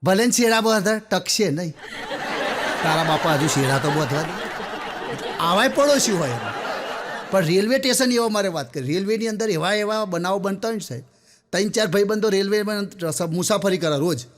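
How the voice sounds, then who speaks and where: High-voiced man telling stand-up jokes. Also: lively intonation, moderate pace, background noise. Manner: chatty, addresses the audience as sir, acts out characters. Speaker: stand-up comedian.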